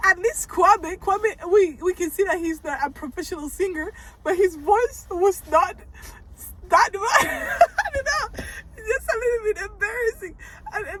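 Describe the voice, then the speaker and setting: A young woman recapping a reality show in a casual vlog, animated, laughing often and shrieking in disbelief. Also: extremely high pitch, a little hiss or hum, rough recording. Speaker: reaction vlogger.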